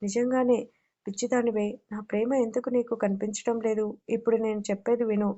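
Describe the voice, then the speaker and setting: Storybook figure: a woman playing a bossy, threatening young lover, monotone, dark, muffled. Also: fairly high pitch, a little fast, close to an everyday voice. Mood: possessive. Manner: commanding, threatening. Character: possessive domineering young man in love.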